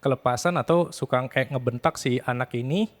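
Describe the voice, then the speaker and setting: A man's voice: medium pitch, brisk. A man from the audience politely asking the panel a question, adding small tag words to his sentences. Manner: polite, tentative, adds tag "ya".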